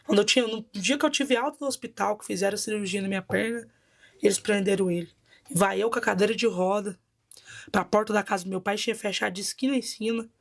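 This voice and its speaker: A woman's voice: medium pitch, fairly even intonation, fast talker, creaky. A woman with a Brazilian Portuguese accent, a bishop giving a personal testimony in a vivid, dramatic storytelling manner.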